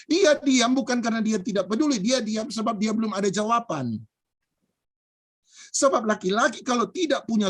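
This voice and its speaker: Man, pastor, humorous sermon, husky, very expressive pitch, repeats phrases. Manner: lively, joking, repeats phrases for emphasis.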